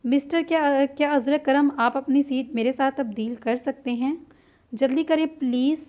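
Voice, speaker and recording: Woman reading as a dramatic young woman, gushing, sighing, high voice, dull lo-fi audio. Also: normal speed, darkish tone, lightly acted. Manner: gushing, theatrical sighs.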